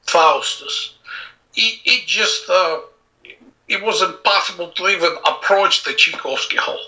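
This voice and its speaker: Bright-voiced man. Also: high-pitched, low-quality recording. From Azerbaijan. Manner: reflective, halting with many fillers and restarts. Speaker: composer and pianist guest. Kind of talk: casual interview talk.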